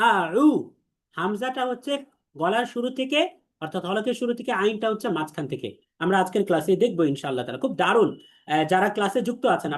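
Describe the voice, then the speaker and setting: A man teaching Quran pronunciation in an online class, drilling sounds slowly and repeating them. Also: high voice. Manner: slow drilling repetition of sounds.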